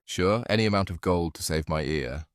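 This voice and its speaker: Deep gruff-mannered war cultist guy a man putting it on, blunt, super low, fantasy story. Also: lively intonation, normal speed, no echo, studio quality. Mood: eager, blunt. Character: blunt, ruthless, eager male warrior serving war gods.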